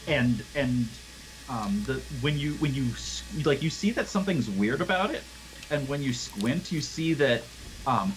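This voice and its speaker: A man's voice: medium pitch, slight background noise, rough recording. A young man narrating as game master, rambling and full of fillers.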